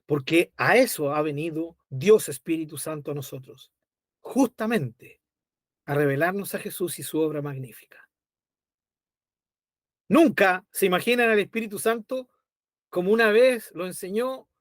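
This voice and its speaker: A man preaching a Bible study in an animated, emotive way, often calling the listeners brother. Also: high voice, unhurried, pauses often, dry recording, studio quality.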